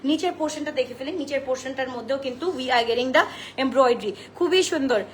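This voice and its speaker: A woman's voice: high-pitched, fast talker. A young woman selling clothes on a live stream, chatting to viewers, mixing in English and rattling off sizes in a sing-song list. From Bangladesh. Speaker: online clothing seller. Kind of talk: live-stream sales pitch. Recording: echoey room with faint noise.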